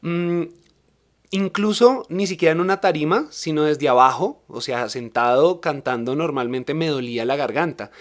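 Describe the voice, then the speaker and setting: A man's voice: a little high, animated, normal speed. A man hosting a podcast, telling a personal faith testimony in a casual, self-deprecating way. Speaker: podcast host.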